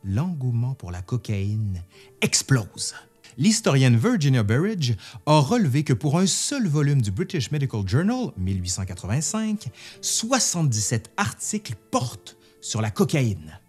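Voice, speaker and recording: Male history narrator, animated delivery, faint music under, scripted read. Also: mid-range voice. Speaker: history video host.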